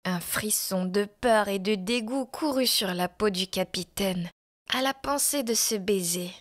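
A woman reading a classic story aloud as narrator, in measured, expressive storytelling. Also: mid-range voice.

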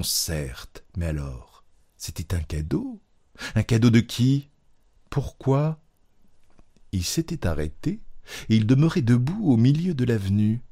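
A man narrating a classic story aloud in a measured, expressive reading. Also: medium pitch, husky. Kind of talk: literary reading.

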